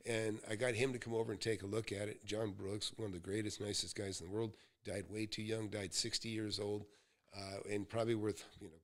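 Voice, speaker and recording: A man in his sixties from the United States, hosting a live Q&A and giving real estate advice in a folksy, rambling storytelling way. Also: lowish voice. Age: 60s. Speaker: real estate mentor host.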